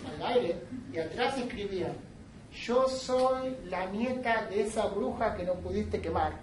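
A woman's voice: medium pitch, a little slow. A woman lectures to a class, switching between Spanish and English and checking in with her students between points. Her voice reaches the mic from across an echoey classroom, with faint room noise behind it. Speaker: instructor. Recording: roomy classroom sound from a distant mic.

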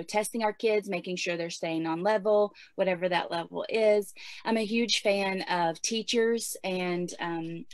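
A woman's voice: mid-range voice, dry recording. A woman in her forties giving casual homeschooling advice in a chatty way, with many fillers. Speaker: homeschooling guest speaker.

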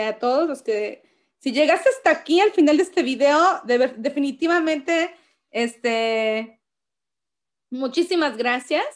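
A woman co-hosting a casual chat, thanking viewers and signing off affectionately. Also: sits high. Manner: warm, affectionate sign-off. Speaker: co-host of an essential oils channel. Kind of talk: casual chat, closing remarks.

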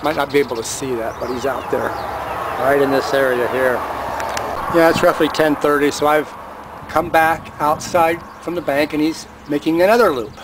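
A man's voice: fairly high pitch, fairly even intonation, normal speed. A man filming the sky outdoors, giving a casual, amused running commentary into his handheld camera's microphone. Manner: amused, chatty, pointing things out. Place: outdoors, by the road and in a car. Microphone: handheld camera mic. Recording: noisy outdoor camera audio. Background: traffic and outdoor noise.

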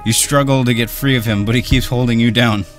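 A man's voice: medium pitch, fairly even intonation, brisk. A man playing a text adventure with a friend, reading the story aloud and breaking into laughter. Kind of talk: casual gaming chat. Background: background music.

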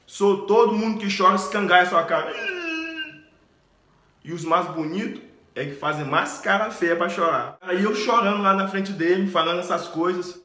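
A man in his thirties with a Brazilian Portuguese accent, excitedly retelling a story in a vlog, expressive and often laughing. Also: sits high. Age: 30s. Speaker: vlogger. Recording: echoey room.

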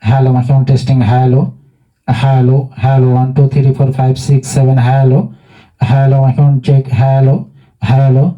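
A man runs a steady, repetitive microphone check, and his voice comes out of an amplifier's loudspeaker. The tone is very dark and heavy. The sound is dull and muffled. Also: medium pitch, brisk. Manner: repetitive, steady test calls. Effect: voice played through an amplifier loudspeaker. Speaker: electronics seller demonstrating a board. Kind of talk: microphone test count.

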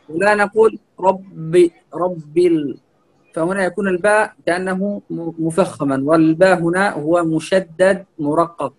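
Male recitation teacher, somewhat high voice, patient drills of pronunciation. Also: rough recording. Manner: explains then slowly models each word. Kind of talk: recitation lesson, correcting pronunciation.

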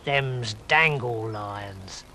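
A man voicing a boastful, bossy female toad in a storybook, speaking slowly with rough grammar. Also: bright, forceful tone, a little hiss or hum, full character voice. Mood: know-it-all. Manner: slow, low and drawling, rough grammar.

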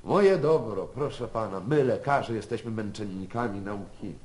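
A man's voice: fairly low pitch, normal speed, a little mellow, a little hiss or hum, lightly acted. A man playing a pompous bossy psychiatrist. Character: pompous self-important male psychiatrist, adult.

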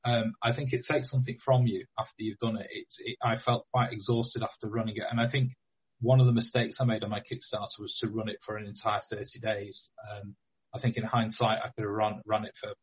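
A game creator appears as a podcast guest for a casual interview chat, hesitant and full of ums and restarts. His voice is on the low side and slightly rough, over dull lo-fi remote audio.

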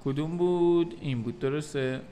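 A man narrating a 3D modeling tutorial, calmly explaining each step to his viewers. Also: a little high, slight background noise. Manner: calm step-by-step explaining, addresses viewers as kids.

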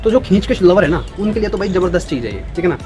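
A young man talks quickly to his camera from an open rooftop. His voice sits a bit high, and he keeps checking in with his viewers as he goes. Clear music plays under him. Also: animated. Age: young adult. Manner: chatty, keeps saying "friends" and "okay?". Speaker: kite-flying vlogger. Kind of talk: casual demo and live commentary.

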